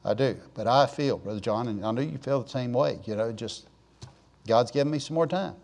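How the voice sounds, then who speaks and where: Fairly quick and creaky, his mid-range voice carries a slightly mellow quality. The man, in his sixties, preaches a folksy, wandering sermon, joking and telling stories with conversational asides to the congregation.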